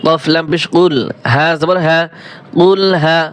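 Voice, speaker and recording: A man teaching Quran reading, spelling out each syllable slowly and deliberately and reciting verses in a drawn-out chant. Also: on the high side, flat delivery, smooth.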